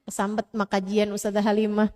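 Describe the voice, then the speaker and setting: A woman preacher giving a sermon, talking to her audience in a lively, conversational way. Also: mid-range voice, brisk, big-room sound. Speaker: Islamic preacher.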